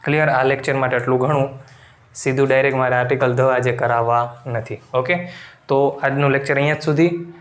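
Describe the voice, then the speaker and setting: A male teacher with a Gujarati accent giving a recorded lecture, often stopping to ask whether it is clear. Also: medium pitch, steady tone. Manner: keeps checking understanding with quick questions. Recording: echoey room.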